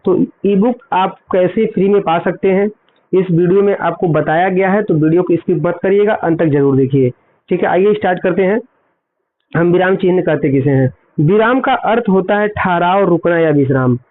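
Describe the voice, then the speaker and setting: A man's voice: sits high, normal speed. A man teaching an exam-prep grammar lesson, explaining step by step and asking questions he then answers himself. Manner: explanatory, repeats points and asks then answers quiz questions. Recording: tinny phone-like audio.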